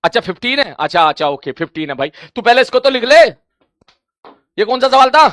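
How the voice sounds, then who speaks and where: A man's voice: very high voice, sing-song, quick pace, a bit bright, dry recording, clean studio sound. A male physics teacher giving a live online coaching lecture. He talks straight to his students, keeps checking "okay?", and scolds them playfully.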